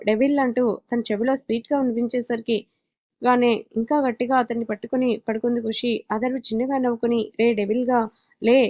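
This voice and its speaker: A woman's voice: fairly high pitch, a little mellow. A woman reading a romance story aloud, voicing the lovers' dialogue in a plain storytelling way. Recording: dull lo-fi audio.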